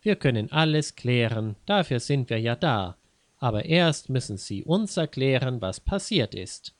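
A man's voice: mid-range voice, measured pace, no room sound. A man voicing a police officer who speaks politely but firmly. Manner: calm, polite and firm.

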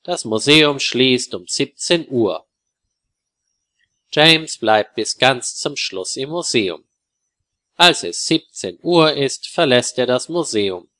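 A man narrating a story for learners in a slow, calm, clearly articulated reading. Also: mid-range voice.

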